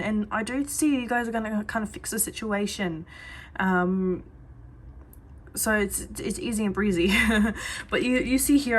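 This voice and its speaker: A woman giving a psychic reading, talking straight to her client in an earnest, reassuring way and repeating that she does see things. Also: fairly high pitch. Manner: chatty, with many fillers and restarts. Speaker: psychic reader. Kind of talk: reading coffee grounds to a client.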